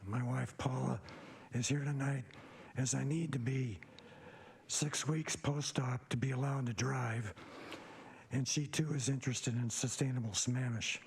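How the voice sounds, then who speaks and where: A man in his seventies with a hoarse, raspy, papery near-whisper, giving a prepared self-introduction in a halting, measured way. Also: mid-range voice, fairly even intonation, a little hiss or hum. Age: 70s. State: hoarse, recovering voice after a throat tube. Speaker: commission member.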